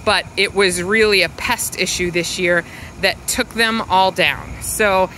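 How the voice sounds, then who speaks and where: A woman with a bright, crisp voice talks slowly and fondly as she walks her garden, naming plants one by one. She films herself from behind a handheld phone outdoors, and faint traffic hums in the background. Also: on the low side, fairly even intonation, poor audio. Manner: unhurried, explanatory, fond of her plants. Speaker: home gardener giving a garden tour. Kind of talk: casual walking garden tour. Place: outdoors in a suburban yard garden. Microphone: handheld phone camera, speaker behind it.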